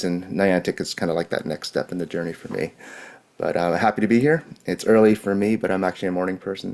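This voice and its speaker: Man in his forties, very low and even voice, relaxed and upbeat, video call guest. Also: gravelly. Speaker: guest, UX manager. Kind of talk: casual self-introduction.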